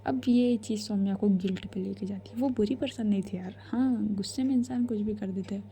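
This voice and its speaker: A woman telling a love story in a soft, casual storytelling voice that often drops close to a whisper. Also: mid-range voice, a little fast, slight background noise.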